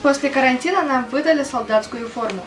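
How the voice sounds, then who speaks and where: In an audio play, a woman with a high-pitched voice speaks quickly over music, sounding close to her everyday voice. She plays a young, stubborn woman soldier recounting the war in plain words, in a mood of earnest recollection. Faint background noise and ambience can be heard.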